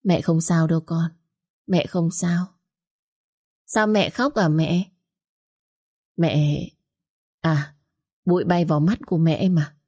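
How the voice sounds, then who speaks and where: A woman's voice: low-pitched, fairly even intonation, slow, pauses often, dark tone, husky, exaggerated voice. A woman playing a hurt, defiant young wife. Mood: soothing. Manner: pleading, pained.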